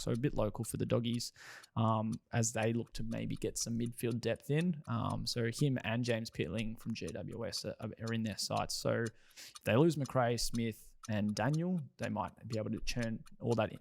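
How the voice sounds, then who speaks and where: A man co-hosting a sports news show, talking fast against a timer with frequent restarts. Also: mid-range voice, vocal fry, a little mellow, a little hiss or hum. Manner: rapid, rushing against a timer, many restarts. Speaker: co-host, AFL news presenter. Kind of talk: fast-paced sports chat.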